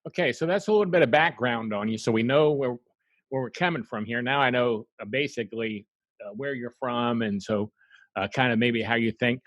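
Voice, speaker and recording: A man from South Carolina hosting a podcast, talking in an animated, rambling way full of asides. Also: medium pitch, brisk, dry recording. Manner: animated and rambling, lots of "you know" asides. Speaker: podcast host. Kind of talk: casual interview chat.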